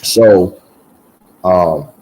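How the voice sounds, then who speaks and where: A man with a lowish voice tells his own story in a relaxed, animated way. His tone is mellow and dark rather than bright. He stumbles over words and leans on "um" and "uh" as he goes. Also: extremely slow, poor audio. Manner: animated, repeats words and restarts with many "um"s. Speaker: guest giving a testimony. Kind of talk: casual personal storytelling.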